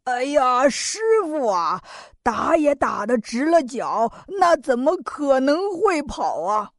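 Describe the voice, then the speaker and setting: A woman's voice: high-pitched, sing-song, takes it slowly, no room sound, studio quality, full character voice. Woman playing Zhu Bajie, bumbling pig-monk. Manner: rustic folksy talk, calls himself 俺老猪. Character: clumsy greedy pig-monk, male, simple-minded. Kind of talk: children's storybook audio.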